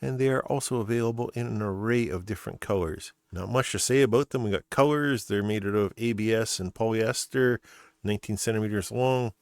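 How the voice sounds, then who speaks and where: A middle-aged vlogger from Canada talks fairly quickly in a fairly low voice while he unpacks and tries out his mail, thinking aloud. It's a casual unboxing chat, recorded dry at studio quality.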